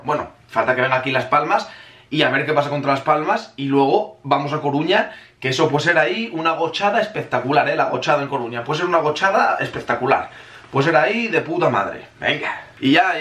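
A man's voice: on the high side, a bit bright. A man giving a sarcastic football opinion rant, with heavy swearing. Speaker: football fan vlogger. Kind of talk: ranting match opinion. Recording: roomy echo.

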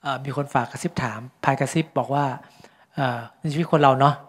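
A man moderating a student seminar, joking and teasing the guest, speaking haltingly with fillers. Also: mid-range voice, steady tone. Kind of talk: casual Q&A moderating. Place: large convention hall stage.

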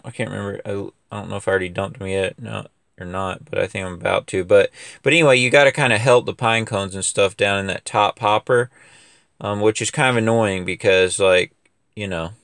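Recorded at studio quality with no echo, a young man's voice sounds on the low side and a bit bright. He runs a lawn care business and is reviewing gear in a casual vlog in a wooded yard, rambling loosely with many fillers and restarts.

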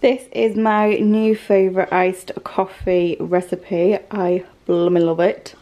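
A woman's voice: on the low side, level tone, slow pace, dark tone. Chatty young British woman vlogging at home. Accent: British English. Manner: chatty, upbeat, rambling with fillers and light laughs. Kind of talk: casual haul vlog chat. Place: home living room, indoors.

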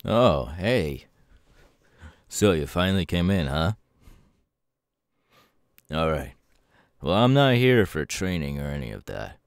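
In an intimate ASMR roleplay, a man plays a serious young mentor to a hero, addressing a trusted protégé in a low, earnest, measured way. His exaggerated, gravelly voice swings widely in pitch, and the recording is very dry.

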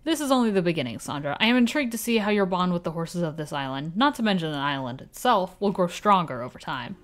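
A woman's voice: lowish voice, animated, fast talker, lightly acted. A woman putting on a kindly old blacksmith. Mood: warm. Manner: vague put-on accent, formal and warm. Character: kindly older male village blacksmith. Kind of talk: reading game dialogue aloud.

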